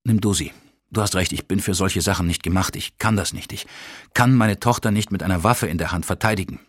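A man reading the part of a desperate, grim, overweight middle-aged father in an audiobook, in a husky, tense and pleading voice. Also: sits low, brisk, dry recording, clean studio sound.

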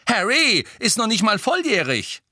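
A man's voice: high-pitched, huge pitch swings, unhurried, sharp tone, no room sound, clean studio sound, pitched above the performer's own voice, full character voice. A man doing a mocking teenage boy. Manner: angry, mocking. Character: mischievous teenage boy twin, angry and mocking.

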